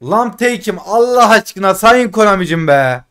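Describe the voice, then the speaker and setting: A man doing casual live commentary while opening game packs, frustrated and pleading, swinging between loud outbursts and muttering. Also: sits high, animated, moderate pace, clean tone, soft background music. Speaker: gaming streamer.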